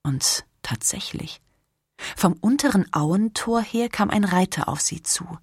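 Husky, expressive woman reading a novel. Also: mid-range voice, moderate pace, no room sound, clean studio sound. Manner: expressive, sinking to whispers in tense moments. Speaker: audiobook narrator. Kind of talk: scripted narration of a historical novel.

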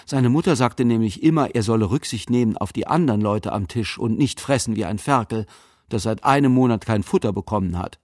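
A man narrating a fairy-tale audiobook in an expressive storytelling manner. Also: lowish voice, brisk, no echo, studio quality.

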